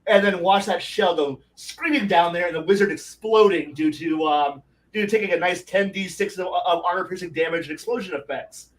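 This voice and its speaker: High-voiced man telling gory game tales. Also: fairly quick, hardly any pauses, recorded from a distance, low-quality recording. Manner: animated, profane storytelling with vivid gory detail. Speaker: game master on a discussion panel. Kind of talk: casual panel discussion.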